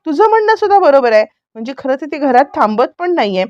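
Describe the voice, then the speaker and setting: A woman reading the lines of a calm young husband laying out a plan. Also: high-pitched, fast talker, no room sound, lo-fi sound, voice pushed up. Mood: plotting.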